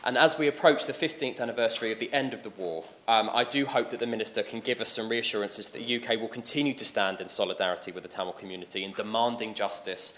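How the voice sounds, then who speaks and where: A British man with a fairly low voice makes a formal, insistent parliamentary speech. He talks fast, with faint noise of the chamber behind him. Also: a bit bright. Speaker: member of parliament.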